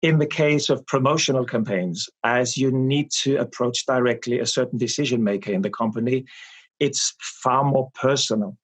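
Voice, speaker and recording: A man in his forties, from Austria, answering interview questions about his marketing work in a measured, explanatory way with frequent pauses. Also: medium pitch, slightly rough. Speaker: guest, marketing expert. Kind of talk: interview conversation.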